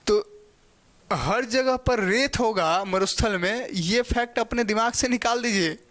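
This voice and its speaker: High-voiced male teacher explaining patiently. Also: fairly bright tone. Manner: explains step by step, often checks in with "okay"; spells out pronunciation slowly. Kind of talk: classroom geography lecture.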